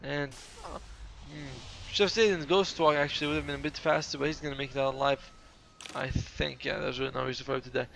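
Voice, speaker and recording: A man's voice: medium pitch, fairly even intonation, a little fast, vocal fry, fairly bright tone, a little hiss or hum. A tired, yawning man giving casual, chatty play-by-play commentary on a game replay, often correcting himself mid-sentence.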